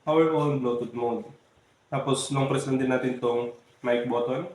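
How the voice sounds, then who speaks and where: A man with a Filipino accent, from the Philippines, runs through a casual step-by-step product tutorial, often turning to his viewers. His medium-pitched voice has fairly even intonation, a normal speed and a darkish tone. The recording is very echoey with faint background noise.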